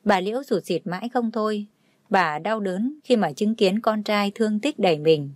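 A woman narrating a dramatic story in a steady, even way. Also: mid-range voice, moderate pace, dry recording, studio quality. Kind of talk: scripted narration.

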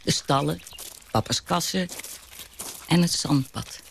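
Reminiscing grown child, gravelly, slightly high voice, radio drama narrator. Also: male voice, slow, slight background noise. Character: grown child looking back on a childhood home.

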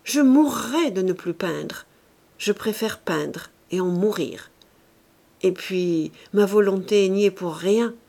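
A woman's voice: mid-range voice, lively intonation, slow, vocal fry, warm tone, heavily acted. A woman reading an audiobook voices a stubborn, obsessed male painter in a dull, resigned tone. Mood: resigned, gloomy.

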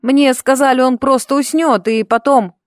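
Woman reader as a terrified young lad: high, shaky, pleading, dry booth sound. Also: fairly even intonation, moderate pace, no echo, lightly acted. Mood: sobbing plea. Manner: high, tearful, desperate. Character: panicky teenage boy, scared and pleading.

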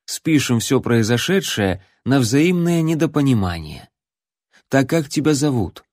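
A man's voice: medium pitch, sing-song, unhurried, darkish tone, dry recording, studio quality, pitched above the performer's own voice. A man voicing a composed, patient male ranger who speaks reasonably. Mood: calm. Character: calm, patient male ranger, quietly amused.

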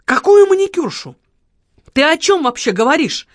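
A woman reading an audiobook, voicing a calm man asking puzzled questions. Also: on the high side, normal speed, no echo, studio quality. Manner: bewildered questioning.

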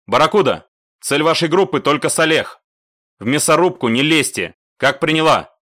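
A man voicing a steady male assault commander giving orders by radio in an audiobook. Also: on the high side, normal speed, no echo, studio quality, voice pushed up. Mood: commanding. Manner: clipped, orders.

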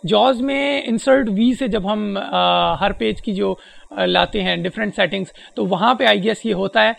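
Tutorial presenter, male, gravelly and high-pitched, hesitant step-by-step delivery. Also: fairly bright tone. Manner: explains step by step with frequent hesitations. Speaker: presenter demonstrating a screen reader. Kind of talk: spoken software tutorial.

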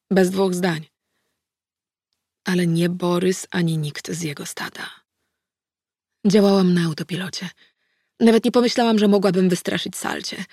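A woman's voice: lowish voice, creaky, darkish tone, dry recording, studio quality. A woman narrating a first-person audiobook in a tense, clipped way, with hard-edged dialogue.

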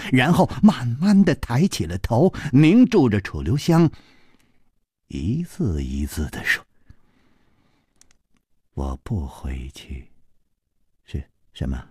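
A man telling a story with a wildly swooping, highly animated pitch, dropping into near-whispers. He reads slowly in a slightly husky voice, recorded dry and close. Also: no room sound. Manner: expressive, swinging from loud to hushed. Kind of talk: dramatic storytelling reading.

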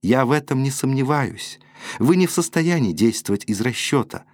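A man's voice: mid-range voice, lively intonation, normal speed, a little mellow, no echo, voice pushed up. A man voicing a passionate, proud eighteen-year-old woman who speaks with emotional reproach. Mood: reproachful.

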